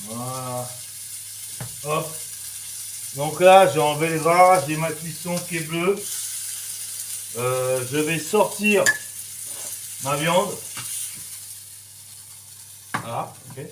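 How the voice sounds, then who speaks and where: Man from France, cooking lesson, slow delivery, echoey kitchen, faint sizzling. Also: fairly high pitch, background noise. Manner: chatty, lots of "hein" and "voilà", sound effects. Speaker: cooking teacher. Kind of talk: casual cooking demonstration. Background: frying and sizzling.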